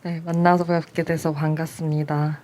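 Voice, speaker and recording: A woman film director answering interview questions in a thoughtful, hesitant way, pausing with fillers. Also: sits low, flat delivery, darkish tone.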